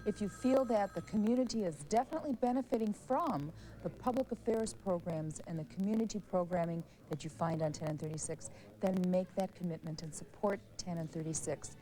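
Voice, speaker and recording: A woman's voice: lowish voice, fairly quick, warm tone, poor audio. A woman hosting a public television pledge drive, speaking persuasively and earnestly with repeated, building phrases.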